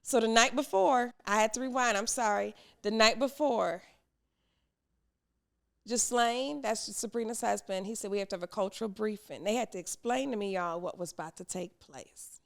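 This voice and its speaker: A woman's voice: on the high side, normal speed, creaky. A woman from the United States hosting a podcast, telling a story animatedly and acting out the people in it. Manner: animated, acts out quoted people, laughs often. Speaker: podcast host.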